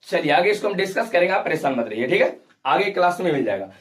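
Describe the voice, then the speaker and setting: High-voiced teacher quizzing a class. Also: male voice, sing-song, fast. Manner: questioning, repeats terms for students to echo. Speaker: physics teacher. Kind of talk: classroom lecture with call-and-response. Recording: echoey room, mic far off.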